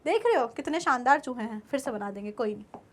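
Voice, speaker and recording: A young woman teacher leads an online class lecture, repeatedly asking her students questions and then answering them herself. Her voice is a little high and sing-song, and she talks fast.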